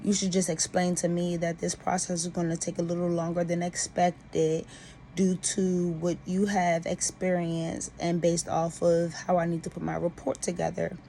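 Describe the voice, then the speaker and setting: A woman's voice: fairly low pitch, completely flat delivery, normal speed, gravelly, mellow, slight background noise. A woman venting about personal grievances to camera in an emphatic, aggrieved way.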